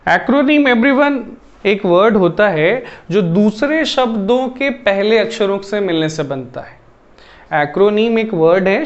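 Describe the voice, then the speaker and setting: A man with an Indian accent teaching English vocabulary, repeating himself often and calling his listeners "everyone". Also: high-pitched. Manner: repetitive, addresses listeners as "everyone", mixes Hindi and English. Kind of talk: classroom-style lesson explaining word roots. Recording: slightly dull, lo-fi audio.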